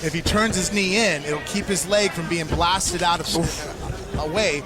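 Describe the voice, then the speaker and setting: A man's voice: a little high, fairly even intonation, unhurried. A man giving conversational, technical color commentary on a live fight. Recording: loud crowd and music behind.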